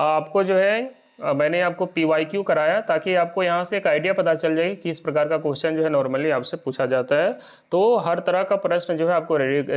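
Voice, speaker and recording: A man teaching an exam lesson. He often checks whether his listeners are following. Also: on the high side.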